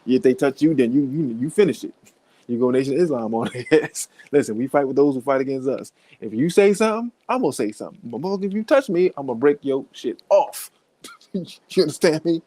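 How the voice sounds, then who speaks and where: A man with a medium-pitched, mellow voice talks a little fast and with animation, captured on a low-quality recording. He's a vlogger at home with his young son, telling a story to the camera in a casual, profane way, laughing often and speaking directly to his viewers.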